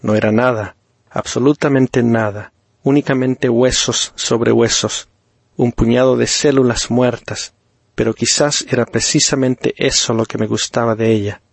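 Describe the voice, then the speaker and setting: A man from reading a first-person story slowly and deliberately, with dry irony. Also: medium pitch, fairly even intonation, creaky, no room sound. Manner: slow, deliberate, ironic storytelling. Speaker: narrator.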